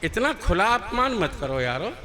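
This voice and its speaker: A man's voice: high voice, sing-song, moderate pace, bright, forceful tone. An older man performing as a poet at a live poetry gathering, chatting with the crowd through rhetorical questions and chanting verses into a stage microphone. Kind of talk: humorous stage poetry recital.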